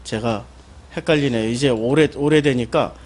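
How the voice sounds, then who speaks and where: A man's voice: mid-range voice, normal speed, a little mellow. A male pastor preaching a sermon, firing rhetorical questions at the congregation and answering them himself, with sudden emphatic exclamations.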